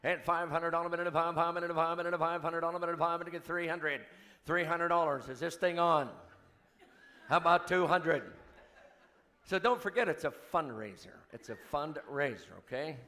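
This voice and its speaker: A man is calling a live charity auction as the auctioneer. His voice is fairly high and cuts through brightly. He rolls through the numbers in a rhythmic chant and drops in joking remarks to the bidders. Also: a little fast. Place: event hall, live before an audience.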